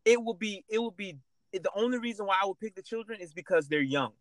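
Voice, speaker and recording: Man, casual chat, rambling fillers, high pitch, dry sound. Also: animated, quick pace, no echo. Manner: rambling, many repeated fillers.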